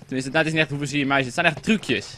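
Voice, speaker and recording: A young man rambles through casual let's-play commentary as he games, swearing whenever it lags. His fairly high voice is rapid-fire, pushed and bright.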